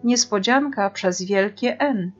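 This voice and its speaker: A woman teacher reading a children's novel aloud in an expressive storytelling manner. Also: mid-range voice, slow. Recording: dull lo-fi with faint guitar.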